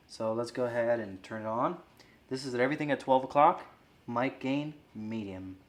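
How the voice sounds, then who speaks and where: Speaking at a moderate pace in a medium pitch, this gear review host walks through settings loosely and a little hesitantly. The sound is roomy and faintly noisy, picked up by a far-off mic in an indoor space that holds a guitar amp.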